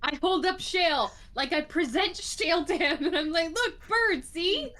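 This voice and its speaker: A woman's voice: very high voice, normal speed, fairly bright tone. A woman playing in a tabletop game, chatting playfully. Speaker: player. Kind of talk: casual tabletop play.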